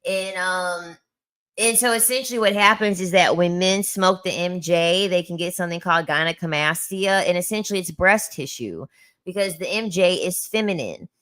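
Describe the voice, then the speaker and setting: Gossipy woman with a bright, forceful voice. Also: on the low side, normal speed. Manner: gossipy, laughing storyteller. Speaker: host. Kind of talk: casual livestream chat.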